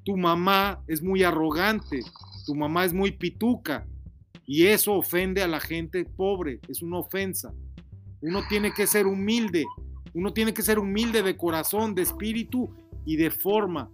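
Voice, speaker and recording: A man's voice: high voice, a little slow, soft background music. A man talking to his daughter in a casual heart-to-heart, earnest and preachy, lecturing her about humility. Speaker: father giving advice.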